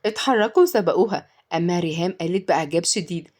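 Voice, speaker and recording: A woman's voice: fairly low pitch, very fast, darkish tone. A woman with an Egyptian accent, narrating a scripted story as a storyteller.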